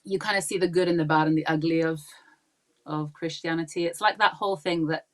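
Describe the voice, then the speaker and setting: In a casual podcast interview, a woman in her forties who grew up in Pakistan talks freely in a low-pitched, steady, brisk voice. She's chatty and warm, laughing often and using lots of ums between thoughts.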